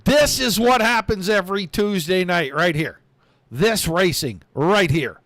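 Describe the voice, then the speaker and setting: Man, race commentator, excitable play-by-play, high voice, clean dry sound. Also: measured pace, no room sound.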